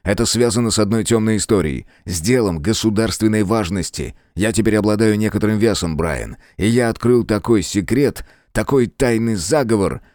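A man voicing an indignant, determined gentleman scholar in an audiobook. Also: fairly low pitch, moderate pace, hardly any pauses, no echo, clean studio sound, lightly acted. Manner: indignant, heated.

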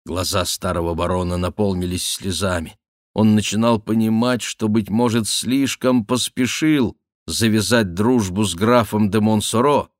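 Low-voiced male audiobook narrator. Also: no echo, clean studio sound. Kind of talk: scripted literary narration.

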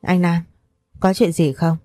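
A woman voicing a scheming sister who coaxes and persuades in a soft, even way. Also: lowish voice, a little slow, dry recording, faint music behind, lightly acted.

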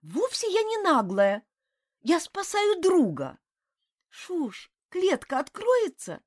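A woman voicing an impulsive young noble lady in an audiobook, with high, exclaiming lines. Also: huge pitch swings, a little slow, a little mellow, no room sound, studio quality, full character voice. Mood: fretful, exclaiming. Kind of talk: audiobook character voice.

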